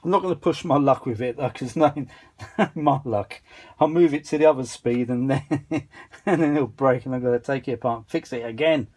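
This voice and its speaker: At a cluttered indoor workbench, an enthusiastic vintage audio hobbyist rambles off the cuff while demonstrating a machine. His medium-pitched voice is brisk and a little mellow, and his talk stays casual and informal.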